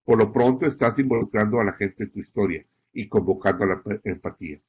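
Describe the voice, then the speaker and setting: Husky-voiced man teaching journalism. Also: lowish voice, fast, a little mellow. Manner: didactic, frequent "¿sí?" check-ins, stresses key words. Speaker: journalism instructor. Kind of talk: recorded lecture.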